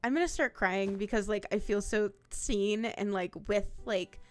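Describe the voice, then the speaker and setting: A woman's voice: medium pitch, normal speed, smooth, soft background music. A woman in her twenties from Ohio, chatting casually on a stream with many fillers. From Ohio, USA. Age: 20s. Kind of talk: casual chat.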